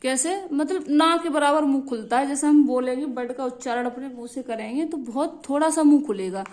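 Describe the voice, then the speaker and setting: A young woman teaches a lesson in a high, fairly quick, slightly mellow voice. She drills key phrases by repeating them and checks in with her students often, saying things like "theek hai."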